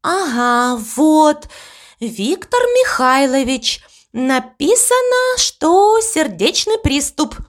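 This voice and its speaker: A woman reading an audiobook voices Death as a young female trainee, brisk, bossy and matter-of-fact. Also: high-pitched, sing-song, pitched above the performer's own voice, exaggerated voice. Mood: insistent.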